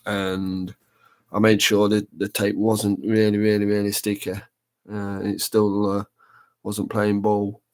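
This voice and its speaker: Man, lowish voice, rambling hobby stream chat, talking as he paints. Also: completely flat delivery, slow pace. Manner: chatty, rambling, thinking aloud while working. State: talking with a brush in his mouth. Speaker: model-making live streamer. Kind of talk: casual live-stream chat while painting.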